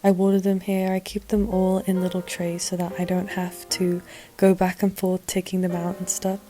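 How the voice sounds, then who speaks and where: A woman's voice: fairly low pitch, completely flat delivery, normal speed, warm tone, soft background music. A woman chatting casually as a vlogger about her own things, recorded in a large, echoey room. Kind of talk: casual chatty plant collection vlog.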